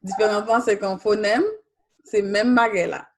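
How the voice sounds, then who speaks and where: A woman's voice: medium pitch, steady tone, moderate pace. A woman teaching a Haitian Creole class, switching between Creole and French and questioning her students patiently.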